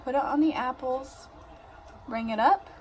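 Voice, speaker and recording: A young adult woman with a high, unhurried voice gives a casual makeup tutorial as a vlogger. She rambles in a loose, slangy, drunk way from her living room at home, and the indoor recording is noisy.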